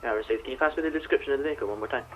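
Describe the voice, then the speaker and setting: Quick guy doing police dispatch roleplay on radio, clipped, faint noise behind. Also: medium pitch, highs cut off. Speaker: police control room dispatcher in a role-play game. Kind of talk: radio dispatch role-play chat.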